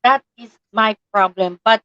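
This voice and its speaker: Filipina woman host, Filipino accent, halting English, dry slightly dull sound. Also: a little high, sharp tone, no room sound. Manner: searching for words, mixes in Tagalog. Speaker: live-stream host. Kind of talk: casual chat.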